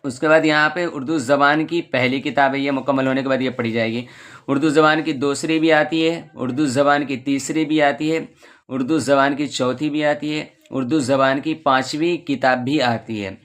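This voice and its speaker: A man, a madrasa teacher, giving a patient beginner's lesson and reciting the alphabet slowly, letter by letter. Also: medium pitch, fairly even intonation, a bit bright.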